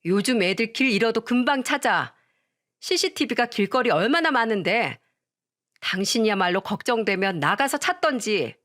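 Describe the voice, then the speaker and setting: A woman's voice: fairly high pitch, animated, moderate pace. Woman doing a nagging selfish wife from a radio story, snapping and scolding. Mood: dismissive. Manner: scolding, shouting. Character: nagging selfish young wife, sharp-tongued.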